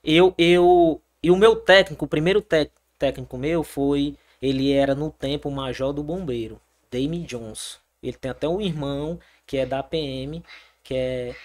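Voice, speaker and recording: Brazilian man, young, podcast guest, animated storytelling, lots of fillers. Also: on the high side, normal speed. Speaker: guest, soldier and triathlete. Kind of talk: casual interview.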